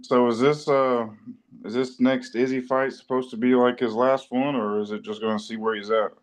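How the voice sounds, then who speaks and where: A man with a mid-range voice on a casual podcast. He talks in short, hesitant bursts, asking questions with pauses and fillers in between. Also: mid-range voice, level tone. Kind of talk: casual chat about fights.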